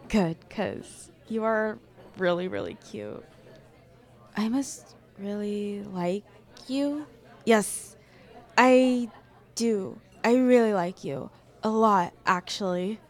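A young woman voicing a jealous girl who confesses her feelings to a friend, speaking softly and intimately to the listener. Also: mid-range voice. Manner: soft, intimate, addressing the listener directly. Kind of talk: audio roleplay to a listener.

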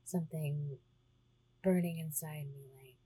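Breathy low-voiced woman in hushed roleplay. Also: steady tone, unhurried, no room sound. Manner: teasing, slips between soft talk and whispers. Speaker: audio roleplay performer. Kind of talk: intimate ASMR roleplay.

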